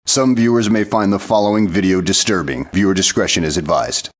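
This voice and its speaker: A man's voice: low voice, fairly quick. A male announcer giving a solemn, grave warning.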